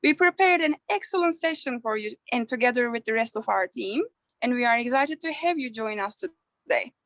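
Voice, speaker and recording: A woman's voice: high-pitched, fairly bright tone, no room sound. A woman from Turkey, giving a formal, scripted welcome as a conference session moderator.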